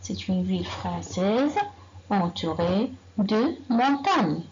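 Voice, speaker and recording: A woman teaching a grammar lesson to young children, slow and patient, repeating sentences and quizzing the class. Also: medium pitch, animated, muffled recording, background noise. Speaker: primary school teacher.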